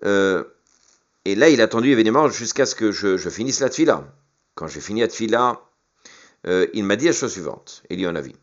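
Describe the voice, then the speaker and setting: A man with a fairly low voice leads a Talmud study session. He works through the text by reading a phrase in the original and explaining it, pausing on repeated words and fillers. The recording sounds muffled and lo-fi. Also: expressive. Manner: reads Hebrew and Aramaic phrases, then translates them into French. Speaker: Talmud teacher. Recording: dull lo-fi recording.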